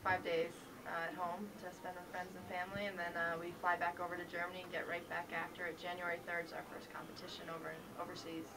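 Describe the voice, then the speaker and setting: A woman with a lowish voice gives easygoing, explanatory answers as an athlete in a casual interview. She sounds a little off-mic, with clear background noise. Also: flat delivery, fast, few pauses, far from the mic. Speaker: athlete guest on a radio show. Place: radio studio.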